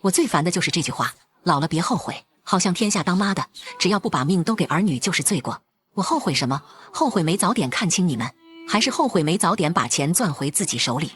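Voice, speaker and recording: Woman narrator, first-person drama, cold and blunt, low-ish lively pitch. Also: quick pace.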